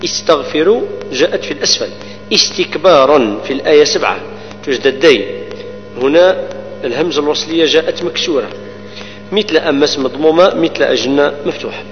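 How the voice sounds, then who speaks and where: A man leads a Quran recitation lesson, explaining each rule patiently and drawing out the verses slowly. His voice rings with a long reverb and sounds dull and lo-fi. A mains hum and faint music sit underneath. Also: fairly high pitch.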